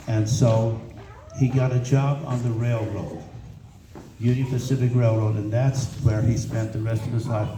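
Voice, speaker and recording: Old american grandpa rambling thru family history, grandfatherly storytelling, far from the mic, roomy n noisy. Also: on the low side. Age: older. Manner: rambling grandfatherly reminiscing with repeated phrases. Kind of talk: informal oral family storytelling. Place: echoey room, recorded from a distance. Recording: roomy, noisy, distant microphone, clicks.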